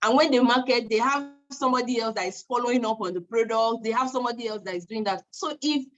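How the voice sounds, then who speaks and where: A woman's voice: a little high, quick pace, fairly bright tone, muffled recording. A woman with a Nigerian accent giving informal business advice, emphatic and repeating phrases for stress.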